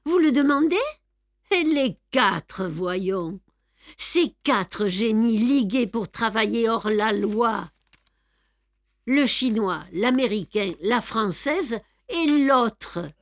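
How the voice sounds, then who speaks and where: Hercule Poirot, brisk and bossy, as a woman reader puts him on. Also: on the high side, animated, no room sound, studio quality. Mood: insistent. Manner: brisk, commanding, exclamatory. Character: fussy excitable older male detective. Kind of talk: audiobook reading with voiced dialogue.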